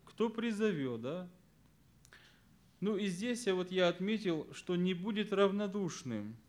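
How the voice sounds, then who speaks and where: Earnest male Bible teacher, slightly high voice, instructs fellow teachers. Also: unhurried. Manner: earnest, stresses key words, drops to soft voice at verse endings; explanatory, addresses listeners as friends. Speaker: Sunday school teacher.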